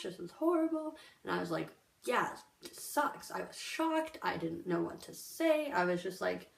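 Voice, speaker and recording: With a creaky voice on the low side, a young vlogger speaks casually and earnestly to camera, her talk full of fillers. The room she records in is echoey.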